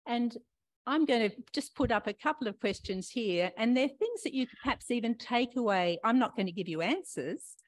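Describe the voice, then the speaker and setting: An older woman preaching a gentle, reflective sermon, talking straight to her listeners and asking them questions. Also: fairly high pitch, lively intonation, moderate pace. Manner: warm questioning, talks to listeners directly.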